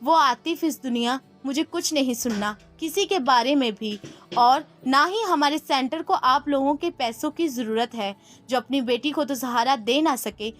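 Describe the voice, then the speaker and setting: A woman's voice: high voice, a bit bright, soft background music. A woman voicing a hurt young mother who speaks coldly and accusingly, read out in a storybook. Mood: bitter. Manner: cold and accusing.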